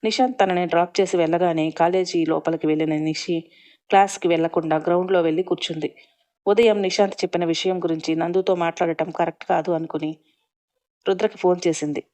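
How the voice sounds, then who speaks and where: A woman narrating a serialized family story in a steady, emotive reading. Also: fairly low pitch, fairly quick.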